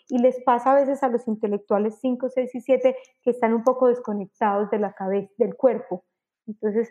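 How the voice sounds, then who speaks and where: A woman explaining personality types in a conversational interview, animated and acting out examples. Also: a little high, muffled recording. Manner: animated, acts out examples with exclamations. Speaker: enneagram guest expert.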